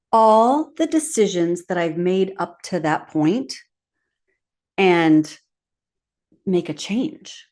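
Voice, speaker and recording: Animated woman telling a personal story. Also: fairly low pitch. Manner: animated, laughing storyteller who acts out her own quotes. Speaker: podcast host.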